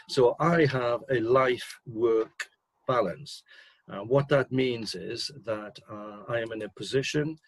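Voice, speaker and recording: An older managing director answers interview questions in a measured, hesitant way, clearing his throat between points. His pitch is medium, and the audio is poor, with no room sound.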